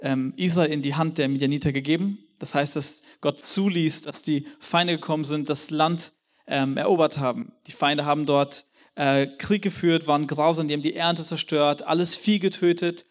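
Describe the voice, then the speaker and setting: A man's voice: a little high, steady tone, normal speed. A young man giving a sermon in a casual, youthful way, acting out the quotes of the people he tells about. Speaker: preacher.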